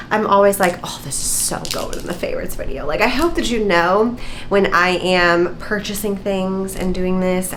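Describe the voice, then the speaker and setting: A woman's voice: mid-range voice, fairly bright tone, slight background noise. A woman in her thirties, slightly nasal and congested from a recent sickness, chatting casually and emphatically to camera as she reviews beauty products. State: congested, getting over a sickness. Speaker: beauty vlogger. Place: small indoor home office.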